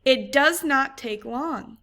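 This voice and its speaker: A woman voicing an alert young vervet monkey lookout who whispers warnings and yells alarm calls while reading a storybook aloud. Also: sits high, slow, heavily acted. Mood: urgent.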